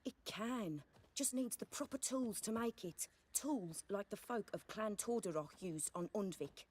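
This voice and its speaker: A woman's voice: mid-range voice, animated, measured pace, darkish tone, breathy edge. An actress playing a blunt, outspoken young woman who helps at a forge, in video game dialogue. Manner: blunt, matter-of-fact. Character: stubborn, outspoken young woman, blacksmith's helper.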